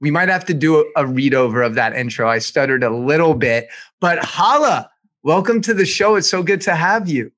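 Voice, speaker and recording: A man hosting a podcast, speaking in an energetic, motivational way as he introduces a guest and opens the interview. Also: fairly high pitch, normal speed. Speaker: podcast host.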